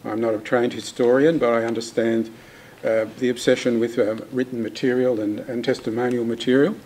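A man in his sixties from Australia, a retired sociologist introducing himself in measured, understated terms in a seminar room. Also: medium pitch, little pitch movement, darkish tone. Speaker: retired sociologist, conference panelist. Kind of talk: self-introduction at an academic workshop. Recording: faint room noise.

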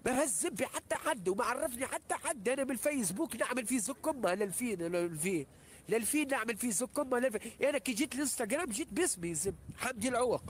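A man's voice: very high voice, expressive, racing, breathy edge. A man with a Tunisian accent, ranting on a live stream and hurling insults, boasting and repeating himself with heavy swearing. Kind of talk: angry live-stream rant.

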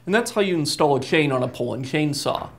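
At his workbench indoors, a repair technician in his thirties shows a job step by step in a plain, methodical manner. His voice is a little high, animated and a little fast, and the recording is very noisy.

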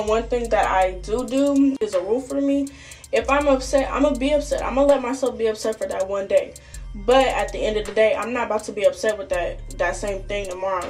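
A young adult college student talks casually and animatedly at medium pitch straight to her phone camera, held at arm's length, speaking directly to viewers. It's chatty, slang-filled vlog talk recorded in small indoor rooms like a dorm and a bathroom.

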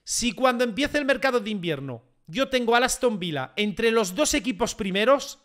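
Male gaming YouTuber, high and bright, excitable play-by-play with repeated phrases and shouts. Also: normal speed. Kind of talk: gameplay commentary.

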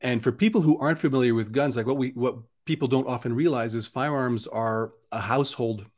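Canadian male host, casual conversational interviewer, mid-pitch, frequent restarts. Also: fairly quick, darkish tone.

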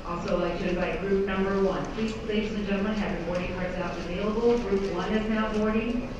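An androgynous, mid-pitched voice makes an airport boarding announcement in a formal, courteous, procedural way. The sound is distant and swimming in echo, as from a public-address system. Clear terminal noise runs behind it. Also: fairly even intonation, quick pace, lo-fi sound. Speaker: airline gate agent. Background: busy terminal ambience noise.

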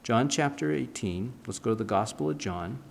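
A man in his fifties preaches from the pulpit of a church sanctuary in a mid-range voice with lively intonation, a moderate pace, and vocal fry. His delivery is emphatic and gesturing, recorded on a pulpit mic with a fixed camera and slight background noise.

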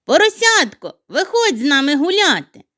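Woman doing a tiny snowflake girl, teasing, bubbly, very high, bouncy storybook voice. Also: big pitch swings, unhurried, a bit bright, heavily acted. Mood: calling gaily. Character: playful giggling little girl snowflake, teasing.

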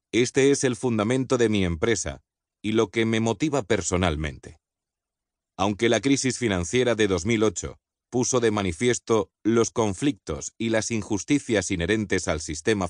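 A man reads a book foreword aloud as an audiobook narrator, with a fairly low voice. His delivery is measured and even, each phrase set out clearly. The studio sound is dry and close, with no room around it. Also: dry recording.

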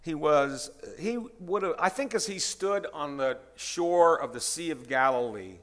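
A man's voice: fairly high pitch, animated, measured pace. A retired pastor in his sixties, preaching a guest sermon in a conversational way and calling out to the congregation. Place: church sanctuary. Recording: reverberant church hall.

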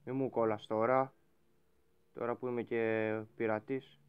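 A man playing a game and role-playing a bossy pirate captain who shouts orders at his crew. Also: medium pitch, level tone, clean tone, muffled recording. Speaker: gaming YouTuber. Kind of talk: Minecraft role-play commentary.

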